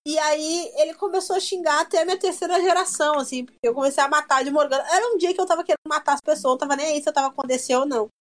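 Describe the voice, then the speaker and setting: A woman, telling a story in casual chat with a mocking, lively manner. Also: high voice, rapid-fire, few pauses. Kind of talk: casual chat about gaming.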